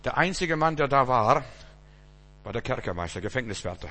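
A man preaching a sermon, swinging between loud emphatic bursts and low quiet asides. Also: lively intonation, brisk, big-room sound.

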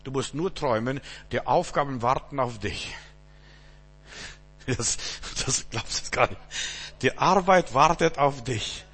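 A man preaching a sermon, swinging between loud emphatic bursts and low quiet asides. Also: lively intonation, unhurried, pauses often, slightly rough, big-room sound.

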